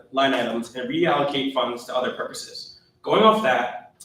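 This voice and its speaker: A man's voice: mid-range voice, a bit bright. A young man, a student government officer, giving a report at a meeting in a businesslike manner. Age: young adult. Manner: grateful, a little shaken, then businesslike. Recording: echoey hall, far mic, faint noise.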